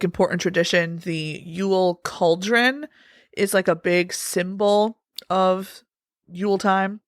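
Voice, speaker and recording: A woman co-hosting a podcast in casual chat, talkative and swearing freely, often breaking into loud laughter. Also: lowish voice, dry recording, studio quality. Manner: chatty, swears freely, laughs loudly at her own jokes. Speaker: podcast co-host.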